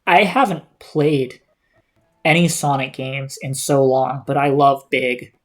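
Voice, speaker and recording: A man's voice: medium pitch, slow pace. A man giving casual live gameplay commentary as a streamer, indoors over game audio. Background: game music.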